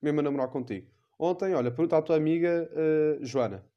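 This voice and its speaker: A cheeky young woman flaunts herself without shame, as a man puts her on. The voice sits well above his own, brazen and mocking. It comes through as a quick comic impression in a podcast bit. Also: fairly high pitch, lo-fi sound, voice pushed up, natural voice.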